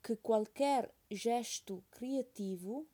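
A woman's voice: fairly high pitch, drawn-out words, mellow, breathy edge. A woman teacher reading a text aloud as a dictation, saying each phrase twice and calling out the punctuation.

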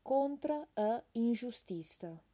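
A woman's voice: fairly high pitch, animated, slow pace, mellow. A woman teacher reading a text aloud as a dictation, saying each phrase twice and calling out the punctuation.

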